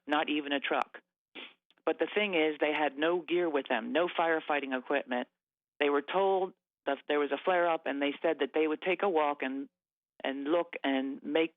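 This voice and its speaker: Guy calling into a radio show, phone line sounds thin and dry, kinda gravelly, keeps stumbling and restarting. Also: fairly high pitch, no echo. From Nova Scotia. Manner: halting, many fillers and restarts. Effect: radio show caller on a phone line. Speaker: caller. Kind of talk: agitated call-in talk.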